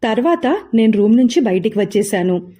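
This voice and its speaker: A woman reads a first-person story aloud with a gentle, expressive delivery. Her voice is mellow and warm, set at a middle pitch for a woman. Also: a little fast. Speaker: audiobook narrator.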